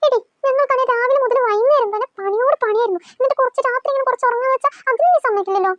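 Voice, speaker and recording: A woman's voice: extremely high pitch, rapid-fire, dry recording. A woman voicing a tired cartoon mother who scolds her child to go to sleep. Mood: exasperated. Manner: scolding, exasperated. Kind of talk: cartoon voice acting. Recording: dull lo-fi dry recording.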